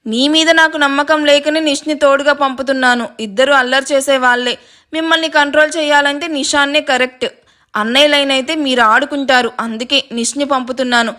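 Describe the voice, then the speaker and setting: A woman's voice: high voice, fairly even intonation, fairly quick, sharp tone. A woman voicing a protective elder sister-in-law who gives firm, scolding orders. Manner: commanding, scolding.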